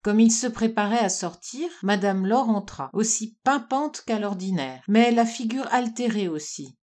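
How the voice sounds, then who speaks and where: A woman's voice: a little high, expressive, unhurried, a little mellow. Woman narrating a classic French novel. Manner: reads all the characters with small voice shifts. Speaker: audiobook narrator.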